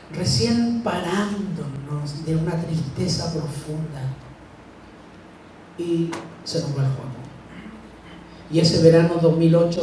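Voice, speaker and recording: Middle-aged man, dark voice, echoey church. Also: on the high side, slight background noise. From Chile. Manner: slow, halting, grief-heavy storytelling with long pauses. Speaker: speaker at a church. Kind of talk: personal testimony talk. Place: church hall. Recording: echoey hall, mic far off.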